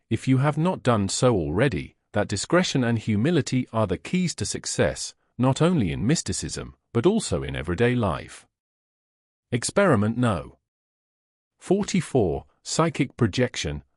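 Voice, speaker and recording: A man's voice: mid-range voice, a little mellow, no echo, studio quality. Solemn man reading meditation lessons. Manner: measured, solemn instruction. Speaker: reader of esoteric lessons. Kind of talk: scripted narration.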